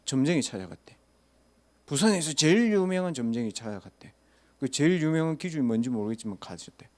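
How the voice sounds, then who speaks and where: A man's voice: a little high, expressive, quick pace, darkish tone. A man, a pastor telling a story in a casual sermon and asking listeners rhetorical questions. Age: 30s.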